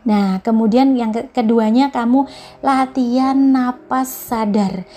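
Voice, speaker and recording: A woman giving a casual motivational talk, speaking gently and directly to the listener and mixing English phrases into her speech. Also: a little high, steady tone, slow pace. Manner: mixes English phrases into Indonesian. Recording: soft background music.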